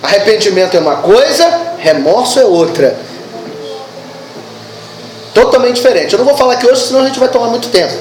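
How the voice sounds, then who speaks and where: Woman preaching, high voice, echoey church, keeps asking the crowd questions. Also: brisk, long pauses, soft background music. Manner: animated, asks the congregation questions. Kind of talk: sermon. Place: church service.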